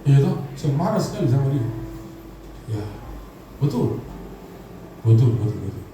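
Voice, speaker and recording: A man's voice: mid-range voice, big pitch swings, unhurried. Man, pastor, humorous sermon, echoing church, noisy background, far from the mic. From Indonesia. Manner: humorous preaching, calls on the congregation to respond. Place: large church hall. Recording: echoey hall, distant mic, background noise.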